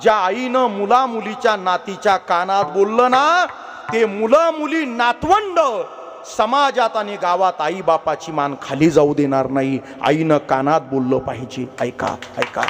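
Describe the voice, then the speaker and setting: A man's voice: high-pitched, a little slow, a bit bright. A man preaching a devotional kirtan sermon, telling a story, repeatedly urging his listeners to listen and acting out the characters' voices. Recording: long reverberant hall.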